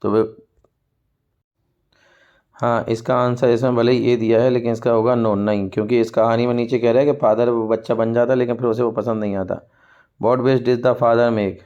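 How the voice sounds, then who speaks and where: A man with an Indian accent teaching English for an exam. He reads English passages aloud slowly and explains them in Hindi. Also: medium pitch, little pitch movement, a little mellow. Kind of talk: exam-prep lesson. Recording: dull lo-fi sound.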